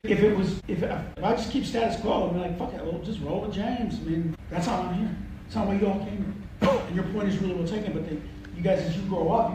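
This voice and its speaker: A man's voice: high-pitched, a little mellow. Blunt, profane man in an echoey room. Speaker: athletic director addressing a team meeting. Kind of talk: candid, unscripted team meeting talk. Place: indoor meeting room, far from mic. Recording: echoey room, distant noisy covert-sounding audio.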